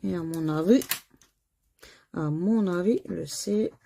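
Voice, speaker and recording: Speaking slowly in a mellow, lowish voice with vocal fry, a French woman scratches lottery tickets for her channel and casually comments, spelling out letters one by one. A little hiss or hum can be heard in the recording.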